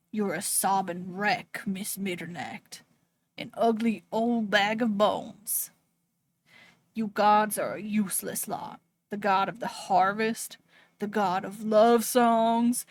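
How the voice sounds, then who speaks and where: A woman's voice: medium pitch, steady tone, slow, natural voice. A woman voicing a scornful villain's cruel farewell letter in a sneering, mocking tone.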